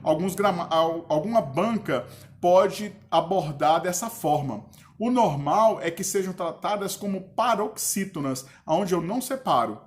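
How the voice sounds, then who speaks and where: Brazilian guy teaching grammar online, kinda high voice, laid back, keeps asking "ok guys?". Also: measured pace, a little hiss or hum. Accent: Brazilian Portuguese. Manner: relaxed, chatty, checks in with the class often. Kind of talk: casual online grammar lesson.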